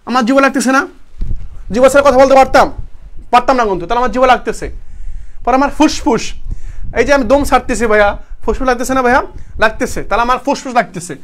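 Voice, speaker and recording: Very high-voiced young man teaching. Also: fast, long pauses, a bit bright. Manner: drills students with repeated questions he answers himself; encouraging, motivational. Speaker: university admission coaching teacher. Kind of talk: online live class.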